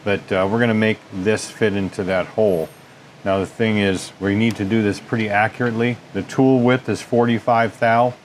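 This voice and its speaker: A man's voice: lowish voice, steady tone, normal speed, a little hiss or hum. A man hosting a repair channel, casually demonstrating lathe work in his workshop and thinking aloud with folksy asides. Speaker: machine shop repair host.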